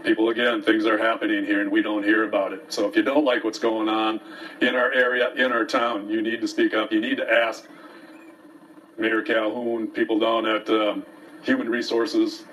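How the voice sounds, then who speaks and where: A man hosts a local commentary show, delivering an opinionated, folksy and aggrieved monologue to viewers and sometimes reading from papers. His voice is on the low side and fairly bright, with flat delivery at a moderate pace. The mic is distant, with faint background noise.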